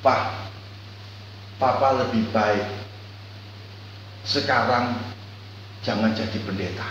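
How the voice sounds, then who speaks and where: A man voicing a young boy who asks his father soft, tearful questions. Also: mid-range voice, slow, lo-fi sound, slight background noise, pitched below the performer's own voice. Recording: echoey church hall, far mic.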